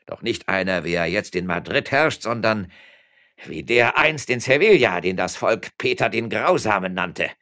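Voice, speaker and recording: A man voicing a pompous, blustering mayor who mocks and boasts loudly. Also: on the low side, animated, moderate pace, voice pushed up. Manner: boastful, mocking, loud bluster. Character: pompous blustering middle-aged male mayor.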